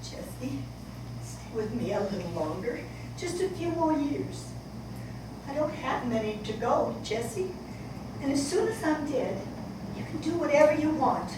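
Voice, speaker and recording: An actress plays an aging, desperate mother on stage, her high voice leaping wildly as she pleads with her daughter. The sound carries from far off in an echoey hall with background noise. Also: sing-song, moderate pace. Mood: pleading. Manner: pleading, emotional outbursts. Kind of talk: stage play acting.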